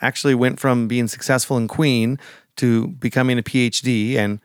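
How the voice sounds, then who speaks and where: A podcast co-host with a mid-range male voice who makes measured, reasoned points. The recording is close and dry. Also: medium pitch, steady tone, no room sound. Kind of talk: casual chat.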